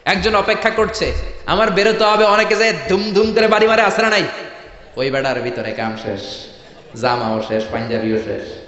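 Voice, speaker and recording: Rousing Bangladeshi preacher in echoing hall. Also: male voice, high-pitched, moderate pace. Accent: Bangladeshi Bengali. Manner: call-and-response, rousing, swings between loud and soft. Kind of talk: sermon. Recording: echoey hall, dull sound.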